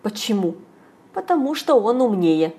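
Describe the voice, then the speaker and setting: Brief: woman doing a small sleepy boy, soft whisper, quiet. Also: mid-range voice, very animated, a little slow. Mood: conspiratorial. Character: sleepy little boy whispering to his sister.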